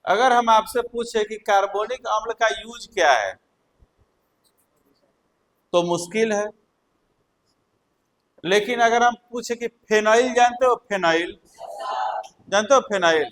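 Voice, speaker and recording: A male teacher lectures a class in a fairly high voice. He takes his time, drawing out his words. He keeps repeating the key points and throwing questions at the students. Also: measured pace, long pauses, a bit bright, rough recording.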